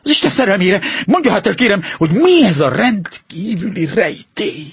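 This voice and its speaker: A man's voice: sits high, very animated, vocal fry, breathy edge, dry recording, voice pushed up, full character voice. Man doing a distraught old banker. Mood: pleading. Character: older distraught male banker, anxious and pleading. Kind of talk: audiobook reading.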